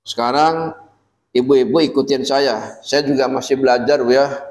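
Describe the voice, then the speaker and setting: A man teaching Quran recitation rules to a class of women, patiently quizzing them and chanting the verses slowly. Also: medium pitch, steady tone, darkish tone, low-quality recording.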